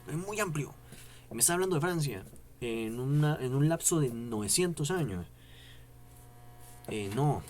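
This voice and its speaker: A man's voice: mid-range voice, measured pace, pauses often. Male explainer, mid-range voice, talky and emphatic, informal lesson with a faint noise floor. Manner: rambling, animated, many tag questions and repeated no's. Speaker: philosophy YouTuber. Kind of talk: casual explanatory lecture to camera.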